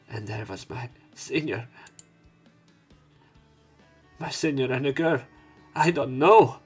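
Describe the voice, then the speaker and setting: A man hosts a let's play, reading the game's narration aloud and commenting along the way with video game music behind his voice. He speaks at a medium pitch and takes it slowly.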